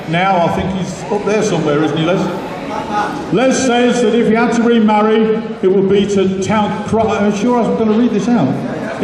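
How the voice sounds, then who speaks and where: A man with a fairly high voice makes live introductions as a competition announcer. He sounds distant, with strong echo from a big hall and a crowd around him. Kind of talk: live master of ceremonies introductions. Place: large indoor hall. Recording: echoey hall from far off, crowd behind.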